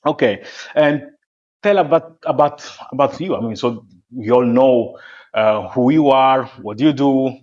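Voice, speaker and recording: A man hosting a podcast as a health coach, asking questions in a halting way with many restarts. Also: mid-range voice. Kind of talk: podcast interview. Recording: dull lo-fi audio.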